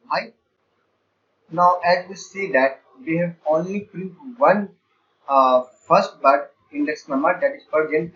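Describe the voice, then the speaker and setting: Male coding tutor, fairly high voice, step-by-step explainer, muffled lo-fi mic. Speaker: programming teacher. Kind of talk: screen-share coding lecture. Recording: dull lo-fi sound.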